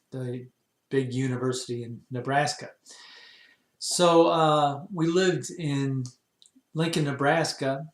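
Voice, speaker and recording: A man in his fifties from Wisconsin, casually telling his life story in an unhurried, rambling way with many pauses. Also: mid-range voice, reverberant. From Wisconsin, USA. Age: 50s. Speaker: vlogger.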